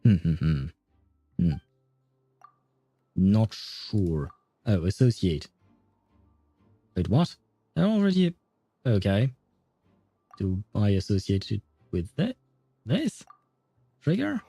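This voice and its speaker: Playing a story game on a livestream, a man muses and spins theories casually, informally, and with a bit of swearing. His fairly low voice is mellow and husky, swooping wildly in pitch, slow, and full of pauses. Faint game music sits behind a roomy, echoing recording.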